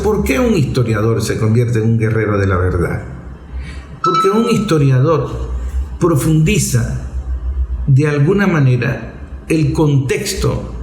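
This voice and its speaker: Off-the-cuff and emphatic, a Venezuelan political opinion host lectures in a didactic way. His medium-pitched voice is a little mellow, and it echoes as if in a roomy space.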